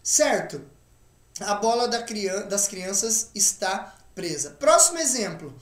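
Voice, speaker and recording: Slow, patient Brazilian woman teacher. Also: mid-range voice, lively intonation, roomy sound. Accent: Brazilian Portuguese. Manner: patient, explains step by step with frequent check-ins. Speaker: English teacher. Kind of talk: online language lesson.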